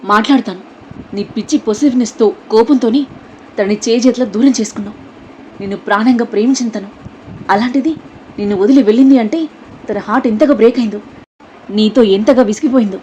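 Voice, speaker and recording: A woman voicing an angry younger brother in an audio story, shouting accusations. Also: medium pitch, quick pace, lo-fi sound, slight background noise, close to an everyday voice.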